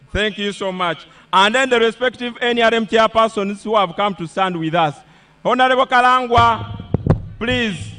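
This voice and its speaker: Ugandan guy with a high voice doing a formal respectful speech at a rally, kinda halting. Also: sharp tone. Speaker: local political leader addressing the president. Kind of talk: formal public address at a political rally. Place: public rally, speaking through a microphone.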